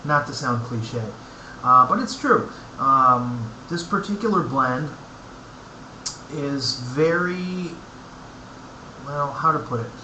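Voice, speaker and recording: A man giving a casual, unscripted review, speaking haltingly and thoughtfully in short phrases with pauses between them. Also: mid-range voice, animated, bright, forceful tone. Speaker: pipe tobacco reviewer. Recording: echoey room, clear background noise.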